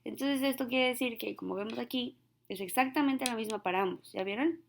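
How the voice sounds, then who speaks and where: A woman, an English teacher giving a recorded grammar lesson who slows right down to read out example sentences. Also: on the high side, vocal fry, slight background noise.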